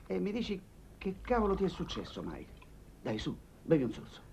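An actor playing a talkative Italian man, ironic and cajoling, who tries to calm down an old friend. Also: high-pitched, brisk, creaky, full character voice. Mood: soothing. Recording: dull 1980s film soundtrack, faint hiss.

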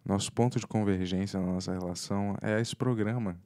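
A man's voice: on the low side, steady tone, fairly quick. A man from Rio de Janeiro co-hosting a casual podcast, joking and acting out quotes with mock drama. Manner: joking, theatrical, acts out quotes loudly. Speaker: podcast co-host.

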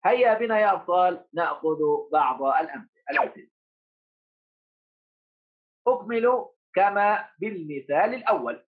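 A man with a high voice teaches young pupils remotely, calling them heroes and coaxing them along. He repeats each rule, then asks a question and answers it himself. The sound is thin and phone-like. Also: lively intonation, normal speed, long pauses. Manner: repeats key points, asks and answers his own questions. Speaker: primary school Arabic teacher. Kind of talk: remote lesson for children.

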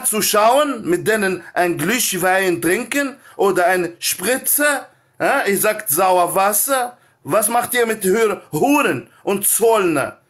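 High-voiced man ranting aggressively. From Maghreb. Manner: aggressive, insulting, shouting over others in broken German. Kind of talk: heated live-stream debate.

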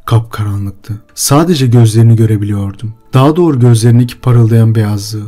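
A man narrating a horror story in a steady, measured way. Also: fairly low pitch. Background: faint music.

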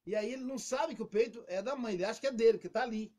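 A man speaking as an interview guest, telling a lively story and acting out quotes in casual explanatory talk. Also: very high voice, racing.

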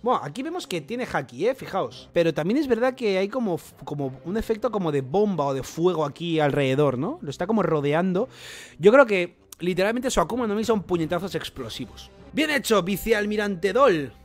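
A young man with a Spain Spanish accent talks through a manga chapter in a bright, high voice that leaps up and down. He jokes and swears freely as he reacts. Faint music plays behind him. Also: fairly quick. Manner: animated, swearing, jokey. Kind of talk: excited reaction commentary.

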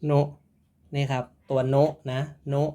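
A man's voice: medium pitch, flat delivery, unhurried, warm tone. A man teaching a writing lesson, patiently repeating each syllable and stroke order. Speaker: Japanese teacher. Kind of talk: slow step-by-step writing lesson.

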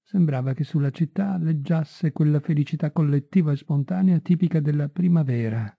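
Husky male audiobook narrator, tinny sound. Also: fairly high pitch, fairly quick, no echo. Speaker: audiobook reader. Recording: tinny dry lo-fi recording.

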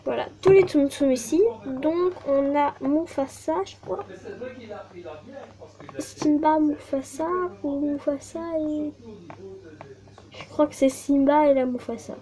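A young woman vlogger chats casually while unboxing toys at her desk at home, hesitant and full of fillers and apologies. Her voice sits high with a dark, steady tone, and she speaks slowly with frequent pauses.

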